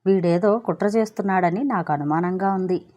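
A woman's voice: lowish voice, fairly quick, mellow, lightly acted. A woman voicing Chinna, a sarcastic and wary young man who teases his friend. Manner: mocking, wary.

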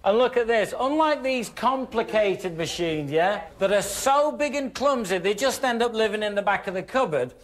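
A man's voice: high-pitched, expressive, moderate pace, few pauses. A man playing an upbeat, emphatic middle-aged husband in a hard-sell infomercial demonstration. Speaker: infomercial co-host. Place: studio kitchen set.

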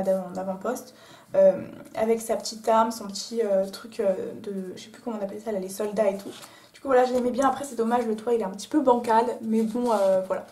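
A woman artist talking casually about her drawings, with many fillers and pauses. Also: fairly high pitch, dark tone. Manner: chatty, many fillers like euh and voilà. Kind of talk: casual chat. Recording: echoey room.

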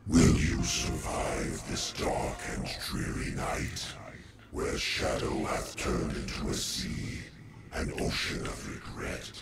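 An actor playing a brooding, ominous male voice of doom, speaking in a deep gravelly whisper with slow, archaic phrasing in a horror game. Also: over loud music, exaggerated voice. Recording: distant, buried in loud noise.

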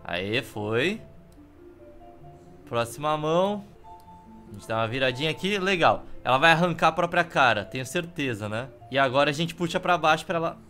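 A Brazilian man streams a game in a slightly high voice, with music playing behind him. He comments casually on what he is doing. His humour is wry and offhand. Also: lively intonation, normal speed, sharp tone. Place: indoor room.

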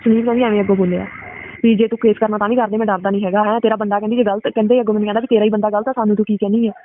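Fast-talking woman arguing on a phone line. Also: mid-range voice, flat delivery. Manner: rapid, accusing, retells others' words. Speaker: caller. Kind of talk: heated phone argument. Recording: tinny phone call recording, faint hiss.

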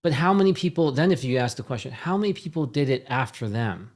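Talking fast in a mid-range, darkish voice with lively intonation, a middle-aged host chats on a casual video call. He's at home among bookshelves, using a desk mic on a boom arm, and his talk meanders with restarts and "right?" check-ins as his point takes shape.

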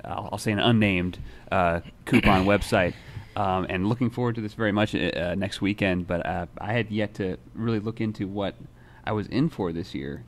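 Young male host, very low voice, laid-back and rambling, faint room hum. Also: normal speed, few pauses. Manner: relaxed, rambling, many fillers and restarts. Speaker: music writer and show host. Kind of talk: casual newsroom chat. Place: newsroom studio. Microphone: desk microphone.

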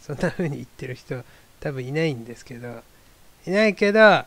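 A man talking alone to his listeners in a loose, rambling monologue, wry and a little self-deprecating. His voice sits at an ordinary pitch with a gravelly, fry-laden texture. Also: quick pace, darkish tone. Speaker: solo talk show host. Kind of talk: casual monologue.

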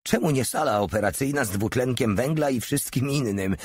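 A man voicing an overworked military medic sergeant, shouting and contemptuous as he insults the listeners. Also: mid-range voice, animated, brisk, breathy edge, no room sound, studio quality, voice pushed up. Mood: furious. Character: furious overworked male army medic sergeant.

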